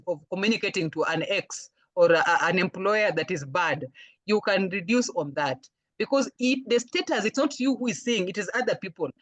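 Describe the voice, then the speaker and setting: A woman with a Kenyan accent giving a lively counseling talk, acting out little voices when she quotes people. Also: medium pitch, no echo. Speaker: guest speaker, counselor. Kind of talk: lecture-style talk.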